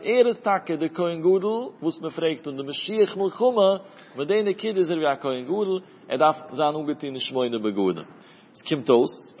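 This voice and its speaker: A man teaching a Talmud lesson in a chanting study singsong, mixing Hebrew terms into his speech. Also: fairly high pitch. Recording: dull audio in a reverberant room.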